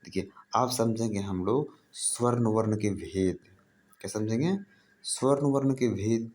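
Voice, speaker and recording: Here the Hindi grammar lesson comes in a lowish, darkish voice at a somewhat slow pace. The man keeps it casual and classroom-like, calling listeners brother, repeating himself, and putting questions to himself before answering them.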